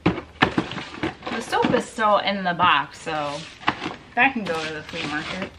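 A woman's voice: lowish voice, lively intonation, slow, very noisy. A woman in her thirties chatting wryly to the camera as she digs through a storage unit, thinking aloud about each find. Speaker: storage unit reseller vlogger. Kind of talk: casual narration while sorting items. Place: metal storage unit, indoors.

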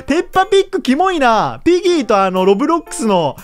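A woman giving casual let's-play commentary, chatty and excitable, laughing often as she reacts. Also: sits high, quick pace, faint music behind. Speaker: gaming YouTuber.

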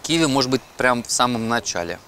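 A man's voice: mid-range voice, lively intonation, a little fast, bright, forceful tone. A man in his thirties gives a casual beer review outdoors in a city park, picked up by a camera at medium distance. He talks in a middle register and often stops to search for words. A faint hum of outdoor ambience sits behind him. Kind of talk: casual tasting chat.

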